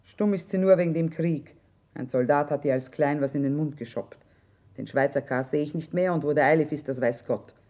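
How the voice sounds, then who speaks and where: A woman's voice: low voice, fairly quick, mellow. An actress playing a middle-aged, shrewd, blunt mother who trades in wartime, in earthy speech for a radio drama. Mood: bitter. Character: hard-bitten, shrewd, sharp-tongued mother trading in wartime. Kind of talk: German stage-style radio drama acting.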